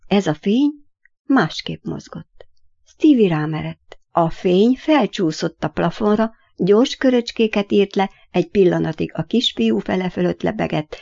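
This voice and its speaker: A woman, the author, narrating her own children's story in an expressive, measured way. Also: mid-range voice, creaky, dull audio.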